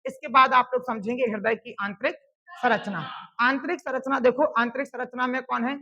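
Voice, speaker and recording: High, bright woman drilling a class. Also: fairly even intonation, muffled recording. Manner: drills students with call-and-response questions; repeats answers slowly and loudly for emphasis. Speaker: teacher. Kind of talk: classroom science lesson.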